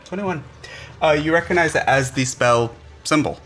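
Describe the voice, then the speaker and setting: A man narrating a tabletop game as game master, with halting, deliberate phrasing. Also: fairly high pitch, fairly bright tone, faint music behind. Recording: faint background noise.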